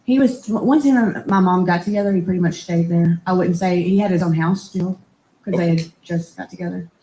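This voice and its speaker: A woman's voice: fairly low pitch, a little fast, warm tone. Terse female witness in a courtroom recording. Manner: terse, short answers. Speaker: trial witness. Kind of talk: answering questions on the witness stand. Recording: echoey courtroom audio.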